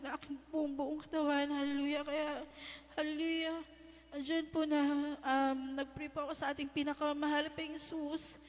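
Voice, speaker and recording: A young woman giving a religious testimony in a church, halting and polite, with frequent hallelujahs. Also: high voice. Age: young adult. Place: church hall. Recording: long hall reverb.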